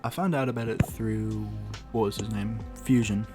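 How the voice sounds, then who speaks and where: A man's voice: fairly low pitch, steady tone, moderate pace, music in the background. A man co-hosting a casual podcast chat, searching for words as he talks. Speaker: podcast co-host. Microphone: shared mic with the host.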